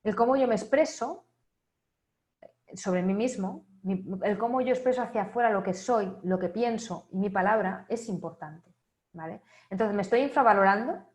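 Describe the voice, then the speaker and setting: A woman's voice: medium pitch, moderate pace, a little mellow. Woman in an echoey room asking rhetorical questions. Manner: asks many rhetorical questions, often ends with a checking "¿vale?". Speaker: speaker at an online wellness congress. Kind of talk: motivational talk.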